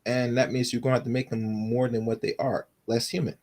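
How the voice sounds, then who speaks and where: A man's voice: mid-range voice, level tone, a little fast, a little mellow. A man in casual chat, rambling with lots of fillers while making his argument.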